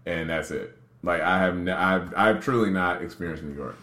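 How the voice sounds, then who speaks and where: A man's voice: deep voice, moderate pace, pushed and bright, echoey room. A man hosting a podcast, telling stories in a laid-back way and acting out the dialogue. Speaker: podcast host. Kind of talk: casual chat.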